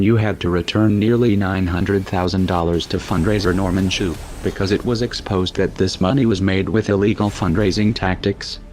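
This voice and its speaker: A man speaking through a disguised deep voice, reading a cold, measured, menacing scripted statement. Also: a little mellow.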